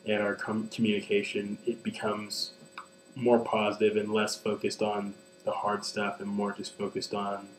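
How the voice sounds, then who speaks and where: A man's voice: fairly low pitch, darkish tone. A man in his twenties speaking in a personal vlog, earnest and hesitant, with many ums and restarts. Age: 20s. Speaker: vlogger. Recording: echoey room with mains hum.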